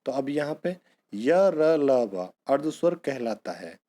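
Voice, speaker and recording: A man's voice: mid-range voice, animated, slow, mellow. A man teaching an exam-prep grammar lesson, who asks a question and then answers it himself, calling his students bhaiya and beta.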